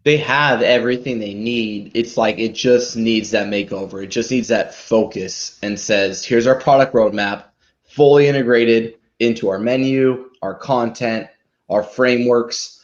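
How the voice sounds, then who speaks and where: In a medium-pitched, unhurried voice, a man hosts a live marketing show, casually presenting and critiquing with emphasis. He often caps his points with a question inviting agreement; the recording has a dull, lo-fi quality.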